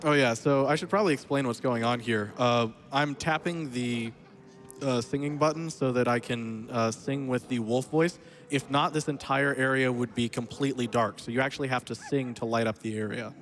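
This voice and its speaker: A man's voice: medium pitch, normal speed, a bit bright. A man giving casual live commentary as he plays through his own speedrun, explaining the route with chatty, playful asides. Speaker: speedrunner narrating own run.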